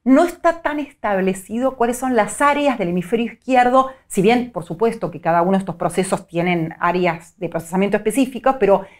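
A middle-aged woman with a Rioplatense Spanish accent answers interview questions as a psycholinguist. She explains in a steady, teacherly way and grounds each idea in a concrete example. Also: medium pitch, brisk, hardly any pauses. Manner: clear, didactic, illustrates points with examples. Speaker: psycholinguist guest.

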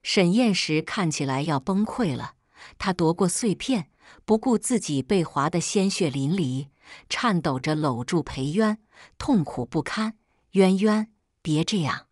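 A woman narrating a first-person romance drama story in a steady, dramatic storytelling manner. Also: fairly low pitch, unhurried, no room sound, clean studio sound. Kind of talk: first-person audio novel reading.

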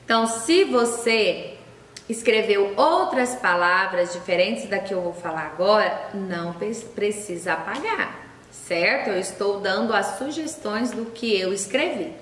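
A woman's voice: mid-range voice, expressive, measured pace, fairly bright tone. A woman teacher patiently going through worksheet answers for first graders, spelling out syllables one by one. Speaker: primary school teacher. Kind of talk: slow worksheet correction lesson. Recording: roomy echo, voice a bit far off.

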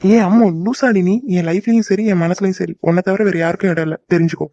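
A man's voice: high voice, quick pace, warm tone, no echo, lo-fi sound. A young man voicing a teasing, devoted boyfriend in a cartoon, coaxing and joking. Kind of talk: cartoon voice acting.

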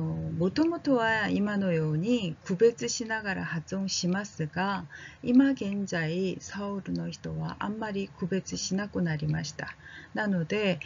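Woman language teacher, casual and friendly, with a breathy voice on a muffled recording. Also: mid-range voice. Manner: speaks slowly, drawing out vowel drills and checking in with learners; casual and friendly, with fillers like "ano". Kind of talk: slow, gentle language lesson.

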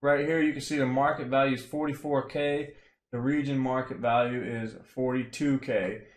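A man's voice: mid-range voice, moderate pace. A young man streaming from a home room, casually explaining a game farm with lots of fillers. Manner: relaxed, rambling, many fillers. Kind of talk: casual game guide commentary. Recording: echoey room.

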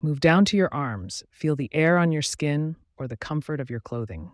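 Leading a guided meditation, this man speaks in an unhurried, gentle, steady way, leaving pauses between phrases. His voice is fairly high, and the close-miked recording is dry, with no echo.

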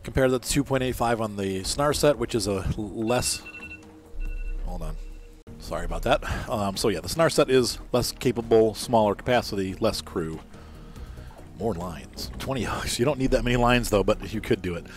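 Low-voiced male gameplay reviewer, casual and meandering, corrects himself often, home desk mic. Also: normal speed, soft background music. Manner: rambling, self-correcting, often apologizing. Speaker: game reviewer.

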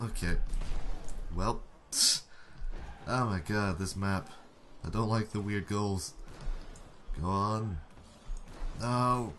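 A man's voice: lowish voice, extremely slow, pauses often, fairly bright tone, slight background noise. A young man giving casual, sarcastic running commentary over a car-football game, mocking himself and his teammates. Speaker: gaming YouTuber.

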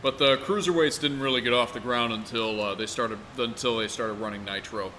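A man's voice: medium pitch, steady tone, fairly quick, pushed and bright, big-room sound, slight background noise. A man co-hosting a casual chat, chiming in with brief, factual remarks. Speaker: podcast co-host.

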